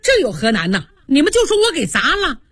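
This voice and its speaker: Brief: woman as careless young lordling in a spoken story, raised pitch. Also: huge pitch swings, fairly quick, a bit bright, no room sound, exaggerated voice. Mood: fretful. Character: pampered young nobleman, impatient and careless.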